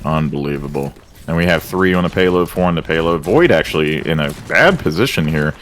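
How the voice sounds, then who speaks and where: A man doing excitable play-by-play commentary for an esports match, with casual filler words. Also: a bass voice, a little hiss or hum. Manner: excitable, gets louder and faster in big plays. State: out of breath. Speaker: esports caster.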